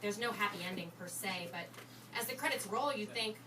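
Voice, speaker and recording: An actress performing a monologue as a jaded young woman, telling it in a wry, deadpan way with a bitter edge. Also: mid-range voice, brisk, close to an everyday voice. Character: sardonic young woman, jaded about romance. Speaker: stage actor performing a monologue. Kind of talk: theatrical monologue. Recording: distant mic, noisy background.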